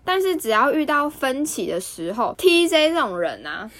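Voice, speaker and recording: A woman with a Taiwanese Mandarin accent chatting casually as a podcast co-host, telling stories in an expressive way. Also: sits high, moderate pace. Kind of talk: casual chat.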